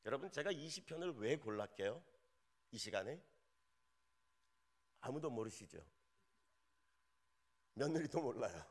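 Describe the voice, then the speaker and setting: A male associate pastor preaching a sermon, joking with the congregation in an animated way. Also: medium pitch, unhurried, pauses often.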